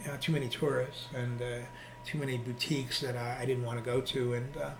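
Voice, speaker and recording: A man's voice: mid-range voice, level tone, brisk. A middle-aged or older man with a New York Queens accent, chatting casually as a guest and often repeating words as he goes. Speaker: interview guest, nightlife veteran. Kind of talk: casual chat. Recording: roomy echo, clearly noisy ambience.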